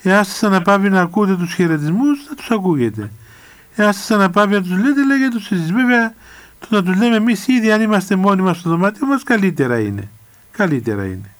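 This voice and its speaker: Gentle fatherly older priest. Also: sits high, sing-song. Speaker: priest answering callers. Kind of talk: radio phone-in counsel.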